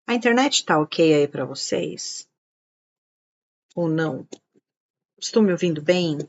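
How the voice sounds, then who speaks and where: Woman chatting on a live stream, low-ish voice, slow and easygoing, kinda dull lo-fi sound. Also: animated. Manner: chatty, warm greetings, thinking aloud with restarts. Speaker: diabetes educator hosting a live stream. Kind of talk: casual live stream, greeting viewers by name.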